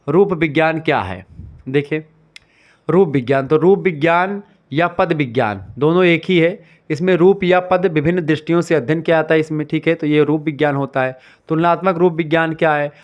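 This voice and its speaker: A young man leads an exam revision lesson, walking through each term step by step and checking that his students follow. His voice is smooth and resonant, sitting a little higher than most men's. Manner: explains step by step, repeats terms, checks with 'clear?'. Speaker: teacher.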